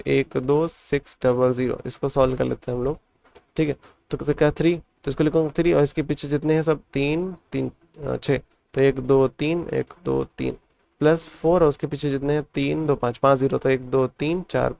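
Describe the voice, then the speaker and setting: A man's voice: on the high side, gravelly, darkish tone, no room sound. A man tutoring a math lesson step by step, counting digits aloud and explaining patiently.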